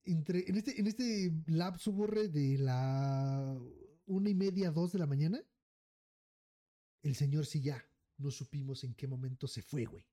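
Man, Mexican accent, podcast co-host, slightly high voice, mellow tone, profane, animated storytelling. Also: measured pace. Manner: profane, says "güey" after nearly every phrase; animated, acts out the people in his story. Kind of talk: casual storytelling.

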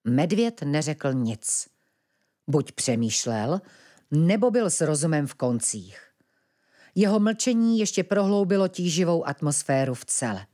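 A woman narrates a children's audiobook with expressive storytelling. Her voice sits lowish and moves with lively pitch.

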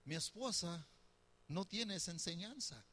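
Middle-aged male pastor, high and very bright voice, chatty sermon that teases the congregation. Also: lively intonation, unhurried. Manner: conversational, teasing, asks the congregation questions. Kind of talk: sermon on marriage.

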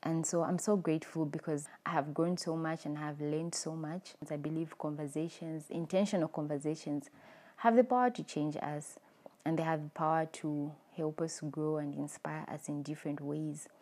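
A woman's voice: low-pitched, fairly even intonation, moderate pace, warm tone. A woman in her twenties, hosting a solo podcast monologue in an earnest, upbeat way. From Zambia. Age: 20s. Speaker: podcast host.

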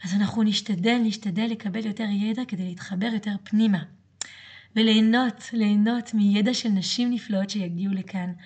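A woman from France with a French accent and a slightly hoarse voice, speaking earnestly in a reflective, intimate podcast monologue as the host. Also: mid-range voice, fairly even intonation, darkish tone.

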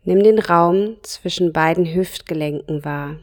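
This is a guided yoga nidra session led by a woman whose voice is gentle, calm, and fairly low. Her pace is very slow, with brief phrases and long silences between them.

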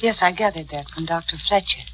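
An actress playing a polite, evasive young nurse, in 1940s radio acting. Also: female voice, fairly low pitch, a little fast, natural voice. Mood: demure. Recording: noisy old radio recording.

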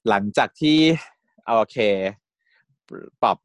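A man chatting casually as a fan retelling episodes, animated and gushing. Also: takes it slowly, no echo. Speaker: fan recapping a series. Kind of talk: casual chat.

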